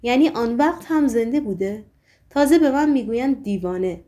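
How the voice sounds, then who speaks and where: A woman voicing an agitated young man held in a clinic, protesting and excited. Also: fairly high pitch, close to an everyday voice.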